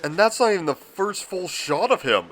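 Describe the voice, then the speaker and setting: A man with a high, bright voice delivers a comedic movie review. His pitch swings widely as he gushes, and he swears freely throughout. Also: normal speed, faint music behind. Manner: profane, excitable and gushing.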